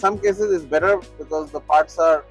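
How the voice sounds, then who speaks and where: A man's voice: a little high, fairly even intonation, quick pace. A man with a Bangladeshi accent chatting casually and enthusiastically about cars as an owner, mixing Bengali and English. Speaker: car owner being interviewed. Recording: music under the voice.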